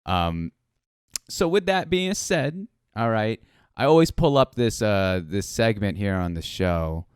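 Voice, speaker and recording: A man in his late twenties hosting a casual livestream interview in a playful, animated way, repeating phrases for emphasis, close on the microphone. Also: lowish voice, measured pace, clear, resonant tone, dry recording. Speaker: interview show host. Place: small room at home. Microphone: close boom microphone with headset.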